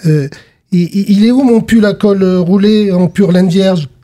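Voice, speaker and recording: Woman playing a halting, offhand middle-aged husband in a story reading, voice a touch low and mellow. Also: lightly acted. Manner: hesitant, halting with fillers.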